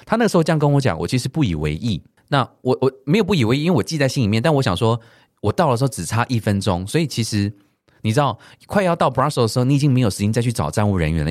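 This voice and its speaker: A middle-aged man with a Taiwanese Mandarin accent hosts a solo podcast and tells a travel story with animated English swearing mixed in. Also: fairly low pitch, no echo, clean studio sound. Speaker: podcast host.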